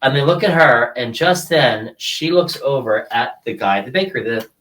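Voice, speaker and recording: A man co-hosting a podcast, animatedly retelling TV scenes in casual chat. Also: moderate pace. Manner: animated storyteller, jumps in pitch when retelling scenes. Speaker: podcast co-host. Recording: distant from the mic.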